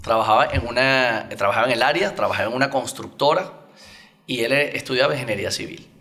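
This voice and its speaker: A man's voice: mid-range voice, fast talker, bright, forceful tone. A man as an oratory coach, a guest explaining speaking technique in a didactic way with spoken examples. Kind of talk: explanatory interview talk.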